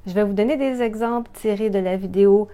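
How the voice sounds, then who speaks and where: A woman with a mellow, warm tone and a Québécois accent, teaching a short pronunciation lesson. She speaks clearly and patiently and repeats each example word. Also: mid-range voice, fast. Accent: Québécois French. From Canada. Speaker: language video presenter. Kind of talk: explanatory language lesson.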